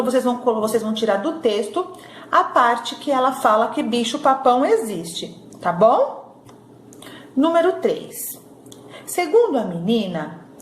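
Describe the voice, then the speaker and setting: A woman teaching a recorded lesson to young children, sounding out syllables slowly and checking in often. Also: fairly high pitch, slight background noise. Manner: slow syllable-by-syllable drilling, frequent "tá bom?" checks. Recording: echoey room with faint ambience.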